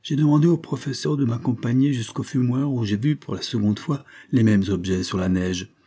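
A man's voice: mid-range voice, normal speed, mellow, breathy edge, voice pushed up, lightly acted. A man voicing a weary, troubled male doctor testifying in court, speaking in a dull, reluctant way in an audiobook reading.

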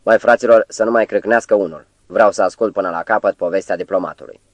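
A man voicing a stocky, gruff prisoner who talks in a bossy, threatening way. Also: lowish voice, dry recording, lightly acted. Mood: commanding.

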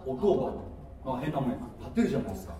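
A man's voice: medium pitch, big pitch swings, very fast, a crowd in the background. A man pastor preaching an emphatic sermon in a church hall, asking the congregation questions as he goes. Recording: echoey hall, mic set far off.

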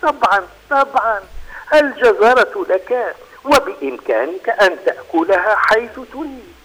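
A man's voice: high-pitched, expressive, fairly bright tone, husky, voice pushed up, exaggerated voice, low-quality recording. A man voicing a stern old female rabbit grandmother who speaks firmly. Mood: kindly. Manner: firm, measured.

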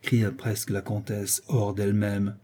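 A man reading a classic novel aloud as audiobook narrator, in a steady, measured literary manner. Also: fairly low pitch, husky. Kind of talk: scripted narration.

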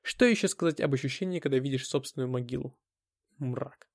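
A man narrating a first-person audiobook in a measured, even storytelling manner. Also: mid-range voice, no echo, clean studio sound.

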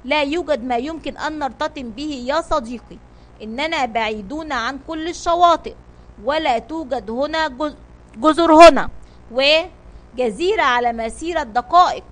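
A woman voicing a brave male sea captain who shouts commands in a children's storybook reading. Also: high-pitched, normal speed, lightly acted. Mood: steady.

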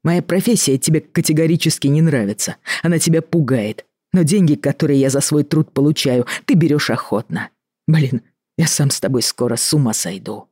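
Reader as a weary middle-aged doctor at the end of his rope; reproachful, husky, dry. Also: medium pitch, darkish tone, no echo, lightly acted. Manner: tired, reproachful, measured. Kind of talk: audiobook reading.

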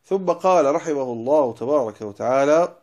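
A man teaching as a religious lecturer, explaining lines of a poem and stressing key words before dropping into quiet asides. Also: fairly high pitch, lively intonation, brisk. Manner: emphatic, stresses single words then drops to quiet asides.

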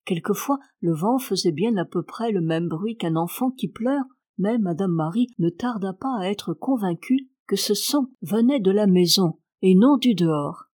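A woman narrating a classic novel as an audiobook, in a calm, measured reading style. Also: mid-range voice. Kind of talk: scripted literary narration.

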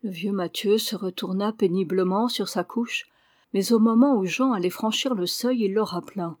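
A woman reading a classic adventure novel aloud in slow, measured literary narration. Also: mid-range voice, a little mellow, dry recording, studio quality. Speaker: audiobook reader.

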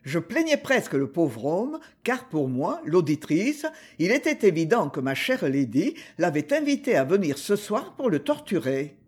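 A man reading a story aloud as an audiobook narrator, with measured, expressive delivery. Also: high-pitched, breathy edge. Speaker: audiobook reader.

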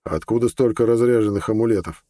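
A man voicing a calm, measured old grandfather in an audiobook. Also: fairly low pitch, no echo, clean studio sound, natural voice.

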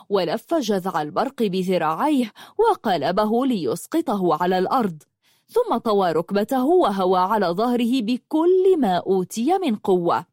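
A woman narrates a dramatic action story with vivid, expressive delivery. Her pitch swings with lively movement. The recording is dry and close. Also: no echo.

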